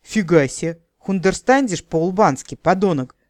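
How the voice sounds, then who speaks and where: A man's voice: high voice, expressive, normal speed, pitched above the performer's own voice. A man voicing a brash young male pseudo-vampire mage under interrogation, jeering in street slang.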